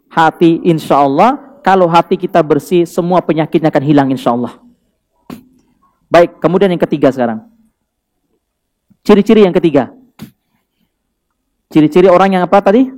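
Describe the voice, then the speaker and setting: A man's voice: high-pitched, a little mellow. A male preacher giving a sermon, telling a story animatedly and sprinkling in Arabic phrases and chuckles.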